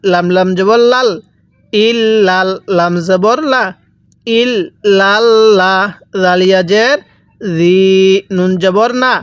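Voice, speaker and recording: A man teaching Quran reading, spelling syllables out slowly and asking then answering his own questions. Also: high voice, fairly bright tone, smooth, no room sound. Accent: Bangladeshi Bengali. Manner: drills letter by letter, asks and answers own questions. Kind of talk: slow spelled-out recitation lesson.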